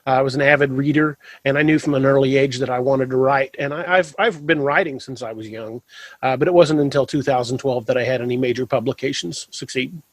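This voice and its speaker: Fast-talking Missouri man in his fifties. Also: medium pitch, no room sound. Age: 50s. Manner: rambling storyteller, frequent ums and restarts. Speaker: guest author. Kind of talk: casual interview chat.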